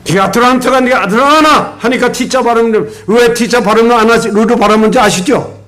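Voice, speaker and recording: An older man preaching a sermon as pastor, telling stories with lively swings between loud emphasis and quiet asides, and leading the congregation in responses. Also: very high voice, a little fast. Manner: leads the congregation in call-and-response.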